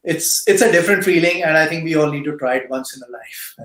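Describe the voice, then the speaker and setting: Talking fast in a high, slightly bright voice, a middle-aged Indian-accented man who volunteers with cancer patients speaks as an interview guest. He earnestly offers motivational advice to youth, repeating phrases to stress them, in an echoing, roomy recording.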